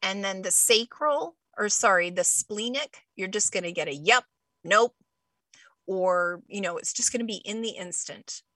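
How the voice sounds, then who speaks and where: A woman hosting a live talk show, explaining ideas in a chatty, animated way and acting out people's reactions. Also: medium pitch, moderate pace, few pauses, no echo, low-quality recording. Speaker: talk show host and business coach.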